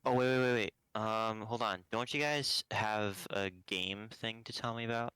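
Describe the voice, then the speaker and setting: Bright, crisp-voiced podcast host, dry sound. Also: male voice, on the low side, fairly even intonation, moderate pace, no room sound. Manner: hesitant, dodges topics. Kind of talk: casual chat.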